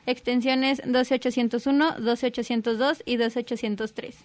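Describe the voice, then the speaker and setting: High teen girl w mexican accent reading phone numbers on youth radio. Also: level tone, normal speed. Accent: Mexican Spanish. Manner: reads out phone numbers, chatty. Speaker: young radio co-host. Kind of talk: casual radio hosting. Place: radio studio.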